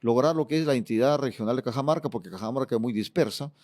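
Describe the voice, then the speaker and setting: This former regional governor, a middle-aged Peruvian politician, responds to interview questions with long explanations in Peruvian Spanish, full of "eh" and "fíjate" fillers. His mid-range, darkish voice runs at a quick pace.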